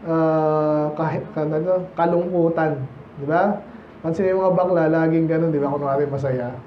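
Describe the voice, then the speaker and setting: High-voiced Filipino preacher in an echoey church. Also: male voice, fairly even intonation, normal speed, a little hiss or hum. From Philippines. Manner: conversational, teasing, many rhetorical questions to the congregation. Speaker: pastor. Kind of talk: sermon. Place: church sanctuary. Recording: echoey, muffled church recording.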